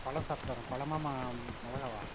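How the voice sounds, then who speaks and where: A man's voice: mid-range voice, steady tone, brisk, noisy background. A man playing a co-op game with friends, teasing and repeating himself. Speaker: gamer. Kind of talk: casual co-op gaming chat.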